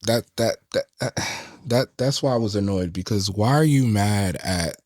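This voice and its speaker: A man with a fairly low voice chats casually on a podcast, often restarting his sentences. He sounds close and dry, with no room echo. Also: darkish tone. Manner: agreeable, halting, repeats words when starting. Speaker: podcast co-host. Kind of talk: casual reality-TV gossip chat.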